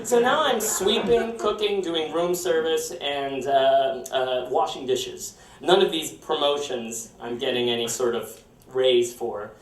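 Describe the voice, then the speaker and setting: A man's voice: fairly high pitch, measured pace, few pauses. Wry man telling a story on stage. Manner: wry, self-mocking, chatty. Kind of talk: live storytelling for laughs. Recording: roomy live stage, heard from far off, audience laughter.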